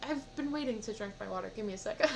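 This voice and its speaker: A young woman streamer telling a personal story in casual chat, rambling with lots of "like" fillers and animated feeling. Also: mid-range voice, fast, gravelly, slight background noise, rough recording. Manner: rambling, heavy use of "like" fillers; animated, emotional retelling.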